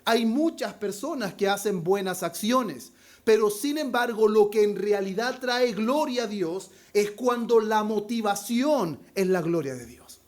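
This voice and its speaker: A pastor preaching an expository sermon, calling his listeners brothers and slowing down with added force when he quotes scripture. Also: sits high, animated. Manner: slows down and rises in volume on scripture quotes.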